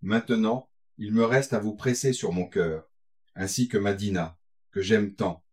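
A man's voice: lowish voice, a little slow, darkish tone, breathy edge. A man reading an audiobook, voicing a young nobleman who takes leave of his bride and her family, earnest and tender.

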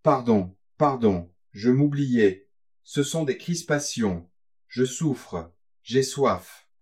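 A man's voice: medium pitch, animated, extremely slow, darkish tone, slightly rough, full character voice. A man reading a gothic tale aloud, voicing a tormented young man who is tense and in pain.

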